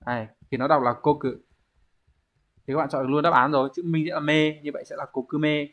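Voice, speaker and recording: A man's voice: fairly high pitch, fairly even intonation, quick pace, highs cut off. Man teaching an exam review lesson. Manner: explains step by step, often asks the class to confirm. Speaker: Japanese language teacher.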